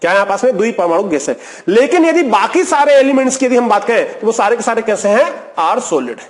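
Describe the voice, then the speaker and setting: A man with a high voice delivers a recorded chemistry lecture quickly and with lively intonation. He asks the class questions and answers them himself, repeating key terms again and again as he explains.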